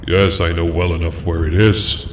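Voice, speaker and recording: A man voicing the North Wind in a storybook reading, a weary, gruff old male spirit with a deep, gravelly voice. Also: flat delivery, moderate pace, roomy sound, natural voice.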